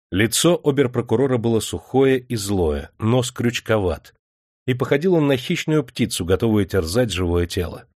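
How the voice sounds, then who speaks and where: A man reading a historical novel aloud in steady audiobook narration. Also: on the low side, dry recording, studio quality.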